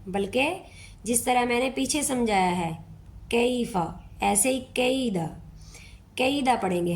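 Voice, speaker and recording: A woman, a Quran teacher explaining pronunciation rules step by step in a slow, patient way. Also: on the high side. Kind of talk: step-by-step recitation lesson.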